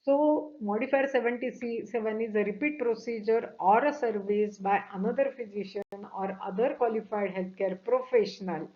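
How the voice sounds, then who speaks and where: A woman teaching medical coding from slides, methodical, often pausing on "uh" and stressing key words. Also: on the high side. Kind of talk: lecture walking through slides. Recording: dull lo-fi audio.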